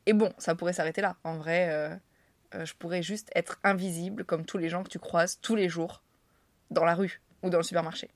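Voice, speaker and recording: Young Frenchwoman, casual vlogger, self-mocking and slangy, slightly low voice, dry close mic. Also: fairly even intonation, a little fast, no echo. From France. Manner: chatty, self-mocking, slangy, laughs often. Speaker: vlogger telling anecdotes. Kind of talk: casual storytelling to camera.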